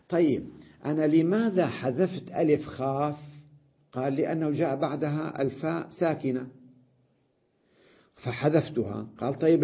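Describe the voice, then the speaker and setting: A man teaching Arabic grammar in a recorded lesson, explaining step by step, repeating example words slowly and often asking if his students follow. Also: mid-range voice, slightly rough. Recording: dull lo-fi lecture recording.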